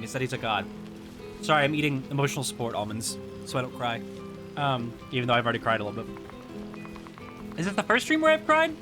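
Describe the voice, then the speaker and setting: A man streaming a game live, chatty and excitable, swearing and reacting out loud. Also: mid-range voice. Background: game music.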